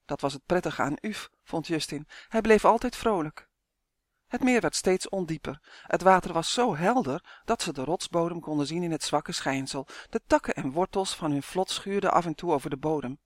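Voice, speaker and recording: Audiobook narrator, steady, clear, mid pitch, dry close recording. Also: normal speed, no echo. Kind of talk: scripted storybook narration.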